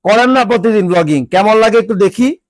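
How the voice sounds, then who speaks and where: With no room sound, a Bangladeshi man vlogger speaks a little fast in a high-sitting voice changed by a cold and a congested, stuffy nose. Exasperated, he scolds his viewers, firing off rhetorical question after rhetorical question.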